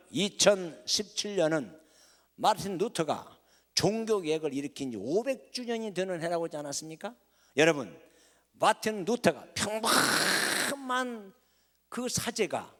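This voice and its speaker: A man's voice: high voice, a bit bright. A male pastor preaching a sermon emphatically, asking rhetorical questions, in a church sanctuary with long reverb.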